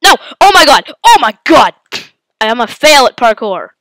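A woman running her own gaming channel gives live commentary on a match as she plays, excitable and yelping and exclaiming at every turn. Her fairly high, bright, forceful voice moves at normal speed and is stuffy from a head cold. The recording is dry and close.

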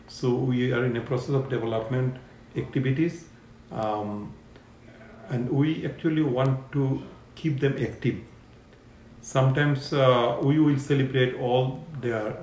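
Middle-aged man from Bangladesh, halting interview answers, mid pitch, roomy echo. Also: a little mellow, a little hiss or hum. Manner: halting, many fillers and restarts. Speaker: care home owner. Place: living room, seated on a sofa.

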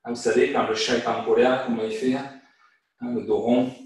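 A man with a French accent leads an online qigong lesson in a calm, guiding voice at a middle pitch. He keeps adding little fillers as he explains. The sound is very echoey and distant, as if he stands well back from the mic. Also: moderate pace. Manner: calm guiding instruction, frequent "hein" and "voilà". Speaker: qigong teacher. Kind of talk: online qigong class instruction. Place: room at home or studio, teaching over video call. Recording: echoey room, voice from far off the mic.

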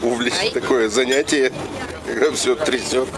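A man's voice: medium pitch, measured pace. A man giving casual, offhand commentary on a camera mic while riding inside a tram cafe. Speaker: vlogger filming a tram cafe ride. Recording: loud tram rattle and crowd chatter. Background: chatter and rattling tram noise.

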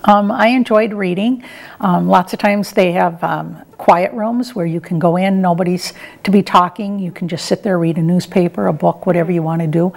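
A middle-aged woman, interviewed as a guest, is a retired professor and air traffic controller. She answers at a moderate pace in a lowish, gravelly, darkish voice with a steady tone, sounding conversational, plain-spoken and somewhat hesitant.

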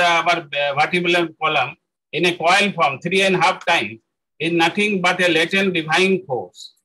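A man giving a spoken lecture on spiritual practice, halting often with fillers and self-corrections. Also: high-pitched, pushed and bright, low-quality recording.

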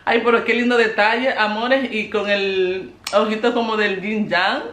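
A Dominican woman vlogging at home as she opens birthday gifts, expressive and emotional, laughing often. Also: mid-range voice, unhurried, echoey room. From Dominican Republic. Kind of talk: casual vlog, opening birthday gifts. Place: home, indoors.

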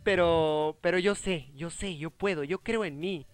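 A young adult man with a Mexican accent plays a video game while chatting casually, a playful, dramatic host given to exclamations and mock voices. His voice sits on the high side, smooth and unhurried. He's seated indoors on a webcam call, with no room sound and soft music in the background.

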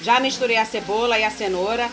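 A Brazilian home cooking vlogger in her forties talks quickly in a slightly high voice, with background noise in the clip. She addresses viewers directly as she cooks in her kitchen, the phone held close, a pan sizzling and music in the background.

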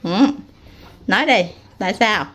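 Teasing mom, high voice. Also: female voice, lively intonation, normal speed, fairly bright tone. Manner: teasing, coaxing and laughing. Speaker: mother filming her family. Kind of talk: casual family vlog chat.

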